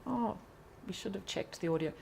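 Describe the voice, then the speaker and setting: A woman professor giving a seminar lecture in a lecture hall, lively and chatty, with quick asides and questions to the audience. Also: mid-range voice, creaky, slight background noise. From Ireland.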